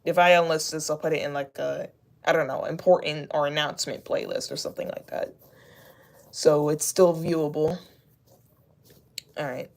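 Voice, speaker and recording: Candid streamer at mid pitch, halting speech full of fillers, gravelly fry. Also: steady tone. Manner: halting, with many fillers and restarts; earnest, candid. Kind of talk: casual livestream talk.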